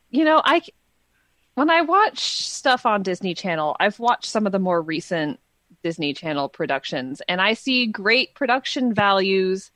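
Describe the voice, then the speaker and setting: A woman's voice: medium pitch, a bit bright, dry recording. A woman co-hosting a podcast review in casual chat, enthusiastic and talkative, laughing often. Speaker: podcast co-host.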